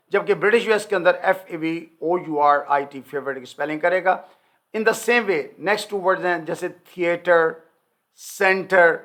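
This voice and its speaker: An older man teaching English in an Urdu lesson, slowly repeating each example word and phrase. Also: fairly high pitch, fairly bright tone. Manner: slow, deliberate repetition of example words.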